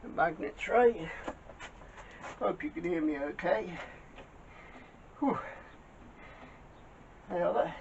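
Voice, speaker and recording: Repair vlogger: gravelly, slightly high man, muttering workshop commentary, dull lo-fi audio. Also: lively intonation, a little slow, pauses often. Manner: muttering to himself while working. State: out of breath. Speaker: small engine repairer. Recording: dull lo-fi audio with clear background noise.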